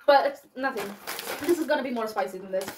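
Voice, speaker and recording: A woman's voice: fairly high pitch, expressive, fast talker. A young woman chatting casually in a snack taste-test vlog, giggly and exclaiming. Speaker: vlogger. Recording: distant mic with faint noise.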